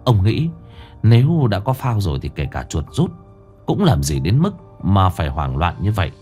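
A man narrates a ghost story in a dramatic, expressive manner. His voice sits low but swings widely in pitch. Faint background music plays under him. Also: normal speed.

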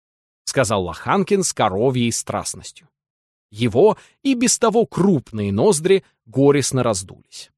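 A man narrating a literary novel as an audiobook, in a lively, ironic storytelling manner. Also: medium pitch, unhurried, no room sound, studio quality.

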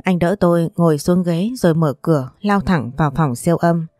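A woman reading a first-person story aloud in a steady, measured voice. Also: on the low side, dry recording.

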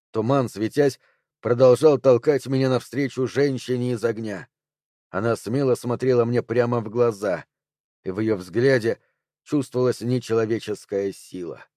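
A man reads a fantasy novel aloud in a measured, even storytelling manner. His tone is mellow and dark. The recording is dry and close, with no room around him. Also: medium pitch, no room sound. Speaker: audiobook narrator. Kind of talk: scripted narration.

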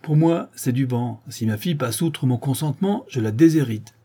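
A man voicing a stubborn, scornful old male farmer from the countryside in a read-aloud story, with gruff, mocking outbursts. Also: medium pitch, lively intonation, moderate pace, warm tone.

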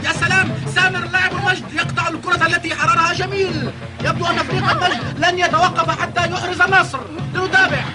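A man playing an excitable, amazed football commentator in an animated series, exclaiming dramatically. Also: very high voice, fast, over a noisy crowd. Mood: thrilled. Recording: loud music under the voice. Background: loud music.

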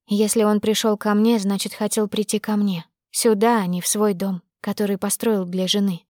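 A woman narrating a first-person novel as an audiobook. She keeps an intimate, brisk storytelling pace in a medium voice. The recording is dry and close. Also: mid-range voice, level tone, darkish tone, no room sound.

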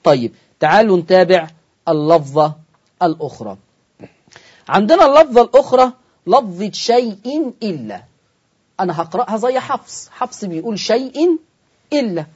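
A man's voice: high voice, very animated, fairly quick, long pauses, darkish tone, husky, highs cut off. A man with an Egyptian accent hosting a televised Quran recitation lesson, asking the audience questions and answering them himself. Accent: Egyptian Arabic. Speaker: Quran recitation teacher and host.

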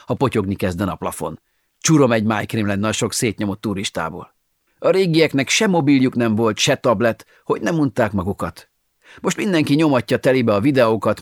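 A man's voice: lowish voice, no echo, clean studio sound. A man narrating an audiobook in a wry, ironic storytelling manner, with sighing asides.

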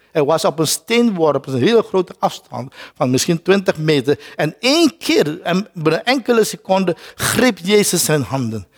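Male pastor, slow dramatic sermon, high lively voice, long hall echo. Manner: repeats words while searching, dramatic shifts in pitch and pace for quotes.

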